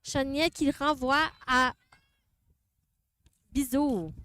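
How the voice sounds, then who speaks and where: This woman commentates a match in both English and French from a windy outdoor field, with a little wind audible. She takes it slowly in a high-pitched, fairly bright voice.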